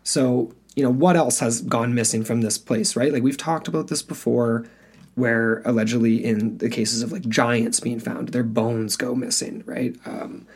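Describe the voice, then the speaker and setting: Husky-voiced man rambling in casual chat. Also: medium pitch, a little mellow. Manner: teasing, rambling. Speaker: podcast co-host.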